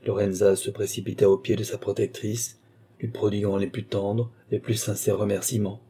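A man narrates a classic novel for an audiobook in a measured, expressive way. His voice is lowish and husky.

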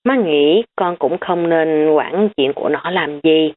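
A woman's voice: sits low, slow. A woman voicing a stern elderly grandmother who lectures her family firmly. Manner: firm, lecturing. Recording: tinny phone-like recording.

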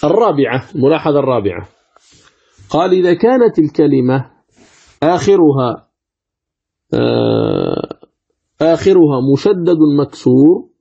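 A man explains the fine points of Quranic recitation in a raspy, gravelly voice that sits a little high. He asks his own questions, answers them, and sounds out each word as an example. The audio is thin and tinny, like a phone line. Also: warm tone. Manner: poses questions and answers them himself, demonstrates pronunciations aloud.

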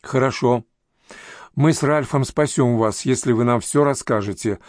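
Man voicing a calm middle-aged doctor, kindly, soothing, mid pitch, storybook reading, dry sound. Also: normal speed, dry recording, close to an everyday voice. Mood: reassuring.

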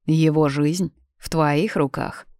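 A woman's voice: deep voice, steady tone, slow, a little mellow, no echo, clean studio sound. A woman voicing a harsh, hot-tempered young king who speaks coldly and mockingly. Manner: cold, commanding, mocking.

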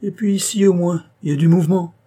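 A man's voice: high voice, fairly even intonation, quick pace, dark tone, pitched above the performer's own voice. A man voicing a chatty older woman caretaker, speaking emphatically and proudly.

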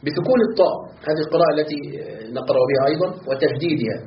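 A man teaching scripture commentary at a rapid clip, reciting verses, then drilling words by repeating them. He poses questions to his students and answers them himself. The recording is dull and roomy, with a faint hiss. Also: fairly high pitch. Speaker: sheikh teaching Quran commentary. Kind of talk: classroom lesson explaining a text.

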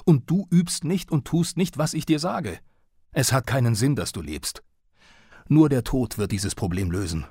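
A man's voice: mid-range voice, animated, brisk, few pauses, darkish tone, slightly rough, no echo, clean studio sound, pitched above the performer's own voice. A man voicing an enraged father who screams hysterically at his young son. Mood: raging. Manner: shrieking, hysterical, threatening.

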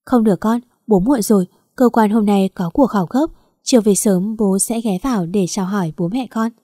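A woman voicing a kind, gentle father-in-law who speaks reassuringly. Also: mid-range voice, moderate pace, dry recording, clean studio sound, close to an everyday voice.

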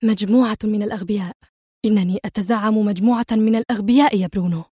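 A woman voicing a furious, sharp-tongued female mafia boss with shrill, rapid outbursts. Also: fairly even intonation, slightly rough, dry recording, studio quality, natural voice. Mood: indignant.

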